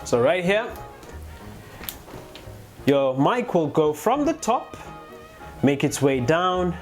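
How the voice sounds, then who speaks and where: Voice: medium pitch, big pitch swings, takes it slowly. Chatty vlogger over background music. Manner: chatty, addresses viewers directly. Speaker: motovlogger presenting a gear tutorial. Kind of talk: casual how-to explanation. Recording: music playing behind the voice.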